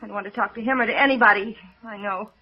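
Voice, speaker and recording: In a dull, lo-fi old radio recording with a little hiss or hum, an actress plays a distraught young woman on the edge, in the style of 1950s radio drama. Her medium-pitched, near-everyday voice runs very fast, her delivery fragile and bitter with weary despair.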